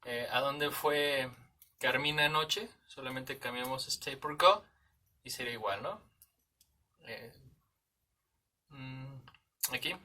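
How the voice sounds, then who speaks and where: Bright-voiced Mexican man teaching English grammar. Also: mid-range voice, slow, long pauses, far from the mic. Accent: Mexican Spanish. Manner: conversational, checks in with "¿sale?" and "¿ok?". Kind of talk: explaining grammar in a lesson.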